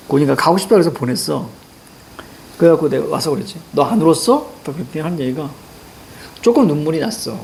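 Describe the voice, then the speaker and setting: A middle-aged male teacher giving a lecture on classical poetry, chatty and quick to tell stories. His voice sits a bit higher than most men's. A faint hiss of background noise runs under the recording. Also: creaky, a little mellow. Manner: chatty, tells stories and acts out quotes with a raised voice.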